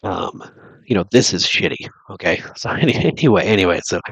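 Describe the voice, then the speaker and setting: A deep-voiced man with a gravelly edge talks through a loose, rambling monologue. His nose is stuffed up from a cold, and he circles his points with restarts and fillers. The sound is close and dry. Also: animated, brisk, a bit bright, no echo, poor audio. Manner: thinking aloud, many restarts and fillers. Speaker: vlogger.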